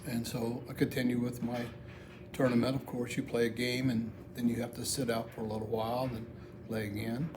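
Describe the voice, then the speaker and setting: American man storytelling over clear background noise. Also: mid-range voice, flat delivery, fairly quick. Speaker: amateur video storyteller. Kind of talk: personal storytelling, casual monologue.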